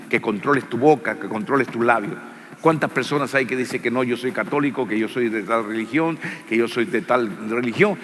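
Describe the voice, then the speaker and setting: A man's voice: on the high side, a bit bright, long reverb tail. A man preaching a Bible lesson, repeating phrases emphatically and speaking to the listener as a friend.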